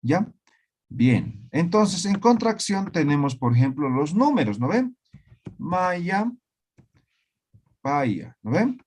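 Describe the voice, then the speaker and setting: Slow, lively-voiced man teaching a class. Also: fairly high pitch. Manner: slow, repeats words, checks understanding often. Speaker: Aymara language teacher. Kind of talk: online class lecture.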